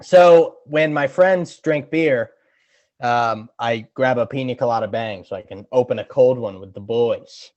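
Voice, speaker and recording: A young man co-hosting a casual podcast who tells rambling, animated stories and mocks himself. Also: medium pitch, measured pace, lo-fi sound. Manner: animated storyteller, rambling, self-deprecating. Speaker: podcast co-host.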